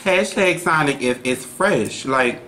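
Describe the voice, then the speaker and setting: A man's voice: fairly high pitch, lively intonation, slow, pushed and bright, a little hiss or hum. A young man, joking around as co-host while he eats. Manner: laid-back and joking. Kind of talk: casual chat while eating.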